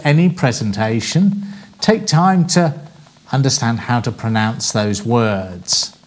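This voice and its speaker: Man slowly teaching a presentation class. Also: medium pitch. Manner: clear, deliberate, slows to spell out words. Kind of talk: lecture on presentation skills.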